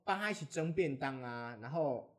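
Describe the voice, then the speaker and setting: A young man, co-hosting a podcast and telling stories in casual, animated chat. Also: mid-range voice, normal speed. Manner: animated storytelling, often laughing. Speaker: podcast co-host.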